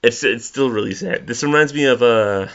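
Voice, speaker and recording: A man's voice: medium pitch, normal speed, fairly bright tone. A man ranting in a casual commentary vlog, swearing often and rambling with many fillers and restarts. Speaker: vlogger. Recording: dull lo-fi recording.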